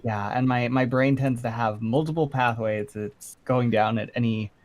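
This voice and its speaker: Male guest in a stream chat; halting, word-searching, very dry close sound. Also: mid-range voice, no echo. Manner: halting, searches for words, laughs between phrases. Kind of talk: casual livestream chat.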